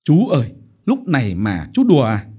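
A man voicing a blunt, gruff older retired general, read in an audiobook. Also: medium pitch, huge pitch swings, normal speed, mellow, lo-fi sound.

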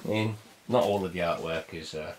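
A man's voice: deep voice, brisk, darkish tone, a little hiss or hum. A man chatting casually as he unboxes a vinyl set, laid-back and jokey, swearing now and then. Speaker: vinyl collector vlogger.

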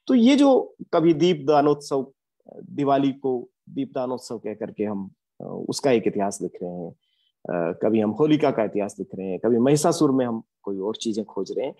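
A man giving an academic lecture, earnest and reflective, pausing often with hesitations. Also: medium pitch, lively intonation, mellow. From India. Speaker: guest lecturer.

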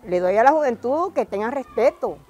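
An older woman with a Venezuelan accent, telling lively stories from her childhood in an interview and acting out cries in a high voice. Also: moderate pace, muffled recording, soft background music. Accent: Venezuelan Spanish. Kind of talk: lively storytelling.

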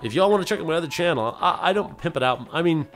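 A man's voice: a little high, lively intonation, fast talker, a bit bright, faint music behind. A man hosting a casual game livestream, chatting loosely and playfully with viewers and slipping into silly voices. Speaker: livestream host.

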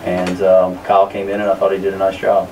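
A man in his thirties with a very low voice answers questions after a game, picking his words slowly and circling back with frequent fillers. He sits a little way from the microphone in a press room. A faint hiss stays under his speech. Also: monotone, a little mellow, distant mic, rough recording. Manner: measured, many fillers and restarts. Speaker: basketball coach. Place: press room in front of a sponsor backdrop.

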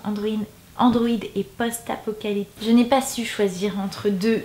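A woman's voice: medium pitch, darkish tone, a little hiss or hum. Chatty woman in an echoey room. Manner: chatty, self-mocking, jokey. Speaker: book vlogger. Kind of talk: casual chat to camera.

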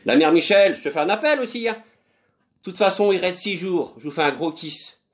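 Casting: male channel host, fairly high and very animated voice, sing-song roll call of names, playful and excited. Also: brisk. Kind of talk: casual video announcement.

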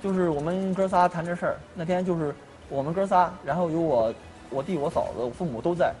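A man's voice: fairly high pitch, a little fast, darkish tone, soft background music. A man in his thirties recounting a family property dispute to a mediator, earnest and repeating himself.

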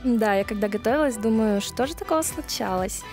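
A woman's voice: fairly high pitch, animated, a little fast, a little mellow, soft background music. A woman in her thirties speaking as a studio interview guest, telling stories conversationally. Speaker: interview guest, nature park founder. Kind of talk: conversational storytelling. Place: small TV studio.

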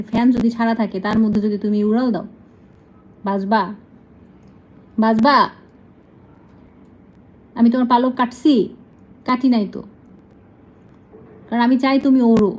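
A woman's voice: a little high, dark tone, poor audio. A woman, talking casually to her pet bird, scolding it and then coaxing it in a sing-song voice. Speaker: pet owner.

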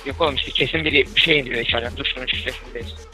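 A man on a voice call whose sound turns glitchy and robotic, making quick, clipped callouts to a teammate while they play. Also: mid-range voice, steady tone, pushed and bright, faint music behind, rough recording. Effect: robotic, glitchy voice-chat sound. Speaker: gaming teammate. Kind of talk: casual gaming chat.

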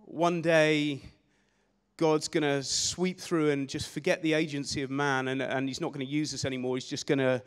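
A young man preaching a sermon on a church stage with a handheld mic, energetic and gesturing, often repeating words as he restarts phrases. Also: on the high side, normal speed, smooth. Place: church stage in a large hall. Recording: long hall reverb.

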